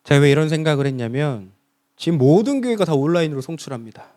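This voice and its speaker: A young man delivers a sermon in a high, bright voice that leaps up and down in pitch. He is dramatic and impassioned, acting out cries and shouts, then falling suddenly quiet. The delivery is lively and theatrical. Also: quick pace. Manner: dramatic, acts out quoted cries with sudden loud high shouts and hushed drops. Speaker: junior pastor.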